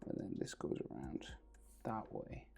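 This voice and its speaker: Unhurried and dark in tone, a man's gravelly, crackly voice betrays a sore throat as he chats his way through a drawing tutorial, frequently fading to almost a whisper.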